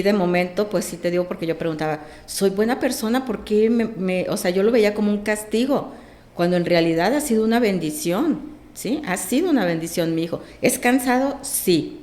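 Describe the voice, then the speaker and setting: A woman, a podcast guest telling a personal story with lively acted-out dialogue. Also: medium pitch, normal speed, roomy sound. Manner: animated, acts out quoted dialogue.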